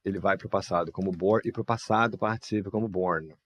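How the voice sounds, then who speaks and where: Low-voiced man teaching English slowly. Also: a bit bright. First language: Portuguese. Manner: explains step by step, models English phrases slowly. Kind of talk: live online English lesson.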